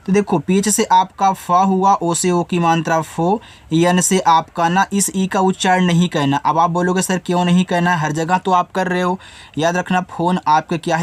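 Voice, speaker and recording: A male teacher giving a phonics lesson, spelling words letter by letter and then explaining quickly while talking straight to the viewer. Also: sits high, no room sound. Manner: reassuring, addresses viewer directly.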